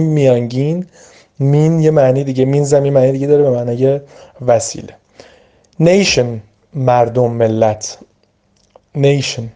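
A man with a very dark, mellow voice gives an English vocabulary lesson. He explains patiently and drawls out each example word. His first language is Persian. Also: mid-range voice. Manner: explains slowly, stretching out example words. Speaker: English teacher.

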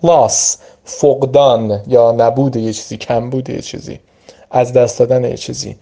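A man with a very dark, mellow voice gives an English vocabulary lesson. He explains patiently and drawls out each example word. His first language is Persian. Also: medium pitch, fairly even intonation, creaky. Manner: explains slowly, stretching out example words. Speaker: English teacher.

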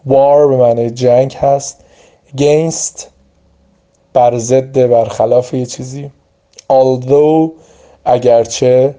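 A man's voice: mid-range voice, fairly even intonation, pauses often, warm tone. A man teaching English vocabulary, giving each word and its meaning and stressing how to pronounce it. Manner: explains word by word, stressing pronunciation. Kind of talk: vocabulary lesson.

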